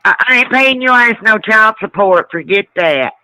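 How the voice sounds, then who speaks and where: A man's voice: sits high, expressive, normal speed, sharp tone, clean tone, no echo, low-quality recording. A middle-aged man calling in, chatting casually in a blunt, folksy way. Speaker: caller. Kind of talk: casual chat.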